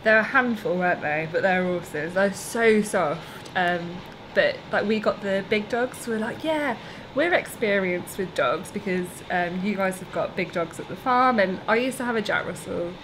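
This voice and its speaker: A woman's voice: mid-range voice, normal speed, background noise. A young woman chatting in a bubbly, casual way on a travel vlog. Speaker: travel vlogger.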